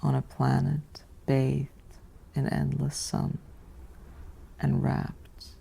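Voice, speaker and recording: A very deep-voiced woman narrates a sleep meditation in a gentle ASMR whisper, her mellow tone marked by heavy vocal fry. She speaks evenly and calmly, pausing at length after each short phrase.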